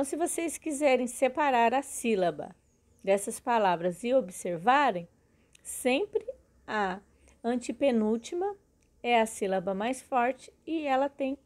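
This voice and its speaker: A teacher woman with a fairly high voice explains grammar rules to her class. She talks patiently and breaks words into syllables one by one. She often checks in with her students as she goes. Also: lively intonation, measured pace, a little mellow. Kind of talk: recorded grammar lesson.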